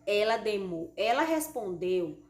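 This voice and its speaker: A Brazilian primary school teacher giving a recorded lesson, explaining patiently and reading example sentences with strong expressive intonation. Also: female voice, mid-range voice, a little slow. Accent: Brazilian Portuguese. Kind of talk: recorded remote class lesson. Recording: echoey room with faint background noise.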